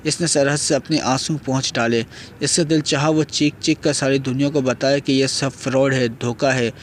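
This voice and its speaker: A man narrating an audio novel in a steady storytelling manner. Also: medium pitch, slight background noise. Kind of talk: reading a novel aloud.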